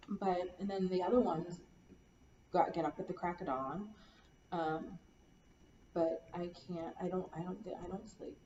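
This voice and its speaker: A woman playing a counseling client, talking in a halting, weary, despondent way and repeating herself. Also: lowish voice, steady tone, mellow. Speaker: role-play client in a counseling practice session. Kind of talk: acted counseling role-play. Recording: echoey room, distant dull mic, faint hiss.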